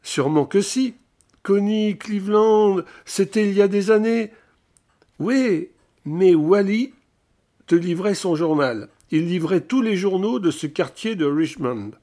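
A man's voice: high voice, expressive, unhurried, dark tone, voice pushed up. A man reading aloud, voicing a pushy, chatty pregnant woman who is the heroine's old college friend, talking eagerly and insistently.

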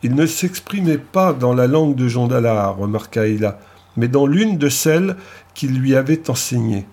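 A man narrating an audiobook in a steady, measured reading. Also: medium pitch.

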